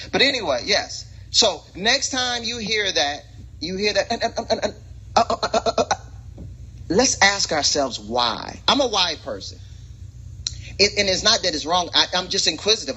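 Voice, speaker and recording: A man hosting a casual talk show, rambling and preachy with lots of fillers, in a husky voice. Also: high-pitched, bright, forceful tone, lo-fi sound. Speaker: podcast host and preacher. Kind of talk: casual chat.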